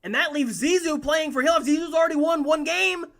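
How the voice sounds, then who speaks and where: An esports caster giving live play-by-play commentary on a mobile battle royale tournament, breaking into excited exclamations. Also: high voice, a little fast, creaky.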